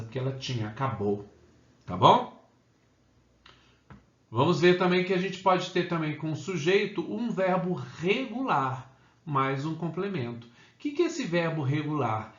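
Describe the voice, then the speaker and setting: Slow, patient man teaching grammar. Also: fairly high pitch, roomy sound, highs cut off. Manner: slow, repeats "tá?" and "ok?" to check understanding. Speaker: English teacher. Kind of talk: Portuguese-language grammar lesson.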